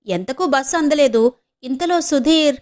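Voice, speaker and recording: A young college girl caught out, defensive and pleading, read by a woman narrating an audio novel. The voice sits fairly high. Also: expressive, moderate pace, darkish tone.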